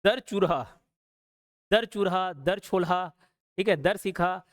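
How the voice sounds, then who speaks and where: A man teaching an online exam-prep class, repeating words slowly and often checking in with "okay?". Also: sits high. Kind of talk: explanatory lecture.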